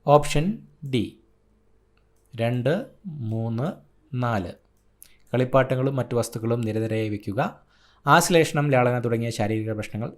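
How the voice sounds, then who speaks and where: A man from Kerala, an exam coaching tutor, reading out an answer key in short, clipped phrases. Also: medium pitch. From Kerala, India.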